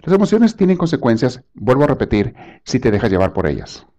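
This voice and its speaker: A man's voice: mid-range voice, big pitch swings, fairly quick, warm tone. A man preaching a sermon in an emphatic, scolding way, full of rhetorical questions.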